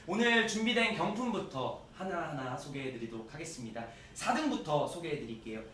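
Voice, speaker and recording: Male prize-draw host: booming, emphatic announcer, highly animated, recorded in an echoey room. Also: fairly quick. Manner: formal, polite, emphatic delivery. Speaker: host of a prize draw live stream, actor. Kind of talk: live event announcing. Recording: echoey room, distant mic, faint noise.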